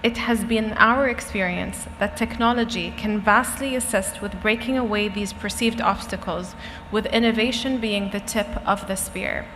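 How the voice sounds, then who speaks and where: A woman delivering a formal, scripted podium speech as a keynote speaker in a measured way. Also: fairly high pitch, fairly bright tone. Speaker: court official, guest keynote speaker. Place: conference hall stage at an expo. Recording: echoey hall with clear background noise.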